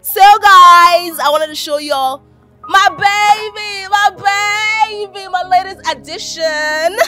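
A Nigerian actress playing a vain, boastful female influencer who insults people in a haughty way, with soft film music behind. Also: very high-pitched, slow pace, heavily acted. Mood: bragging. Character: vain lying female social media influencer. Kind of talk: Nollywood film acting.

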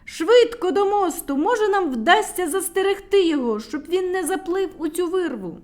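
A woman voicing an anxious, bossy tiny woman healer, calling out in shrill, pleading cries. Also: animated, normal speed. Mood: alarmed commands.

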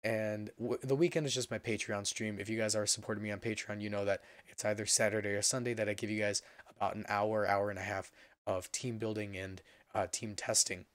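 A young man with a hoarse voice that is giving out from being sick, giving a casual, rambling update as a gaming channel host. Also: on the low side, flat delivery, a little fast, no room sound. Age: young adult. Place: indoor room at a computer.

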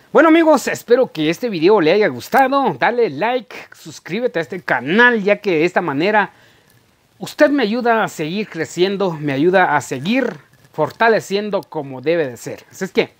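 A vlogger with a Guatemalan Spanish accent chats casually to the camera, with a voice that rises and falls a lot. The talk stays friendly and direct, speaking to the viewers and asking them for comments and subscriptions. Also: mid-range voice. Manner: addresses viewers directly, asks for likes and comments.

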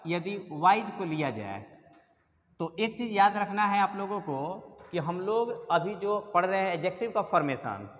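A man's voice: high-pitched, in a large hall. A male English teacher explaining a grammar lesson step by step, often spelling words out letter by letter.

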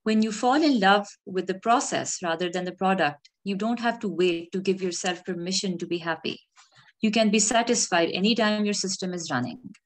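A woman delivers a khutbah as a measured sermon, her voice at a middling pitch for a woman. She sounds calm and earnest, reflective and never in a hurry.

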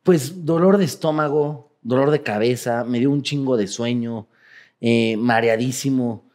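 A man with a Mexican accent, telling profane, animated stories as a guest in a casual interview. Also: mid-range voice, a little slow. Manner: profane, animated, laughing while telling anecdotes.

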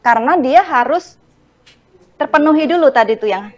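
A woman in her forties explains parenting in easy, conversational talk, her voice sitting a little high. She is chatty and lively, often slipping into quoted lines from her family. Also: moderate pace. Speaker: parenting talk show guest.

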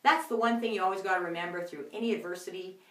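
A woman giving a casual motivational video message, energetic, laughing easily and swinging her pitch up and down. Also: racing. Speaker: motivational vlogger. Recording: echoey room, mic at a distance.

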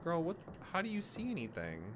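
Young man, gaming commentary, jokey, jumpy, animated pitch, slightly high voice. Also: brisk, noisy background. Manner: excitable, jokey, loud jumpy reactions. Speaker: gaming YouTuber. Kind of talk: casual let's-play commentary.

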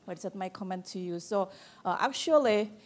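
A woman's voice: mid-range voice, lively intonation, a little fast. Hesitant Indonesian-accented woman asking a question. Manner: hesitant, searching for words, many fillers. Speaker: audience member asking a question.

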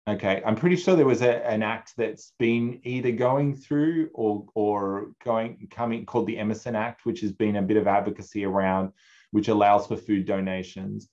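Low-voiced male guest in his 40s, lively anecdotal delivery, muffled webcam sound. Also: moderate pace. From Australia. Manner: animated, acts out quoted people, many restarts. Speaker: food advocacy director, guest. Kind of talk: casual conversational interview. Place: home office, indoors. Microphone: video call. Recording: dull lo-fi video call audio.

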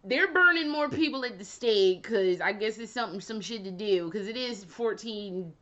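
A woman's voice: medium pitch, expressive, moderate pace, a bit bright, a little hiss or hum. A woman recaps a show in an easy, slangy way and swears now and then. She breaks into laughs as she tells it. The sound is dull and lo-fi, like a simple home recording, and her voice sits in a middle range for a woman. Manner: casual, slangy and swearing, laughs while retelling. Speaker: vlogger reviewing a show. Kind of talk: casual chatty review.

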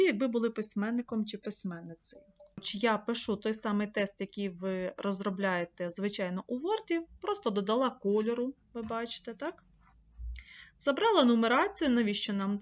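A woman trainer teaching an online course, explaining a screen-share tutorial step by step and addressing viewers directly. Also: a little high. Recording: slightly dull lo-fi mic.

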